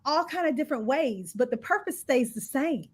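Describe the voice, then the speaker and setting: A woman co-hosting a casual discussion about meaningful work, animated and quick to laugh, with frequent affirming murmurs. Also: high voice, slightly rough. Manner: animated, laughs often, agrees with many "mm-hmm"s. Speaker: co-host of a discussion.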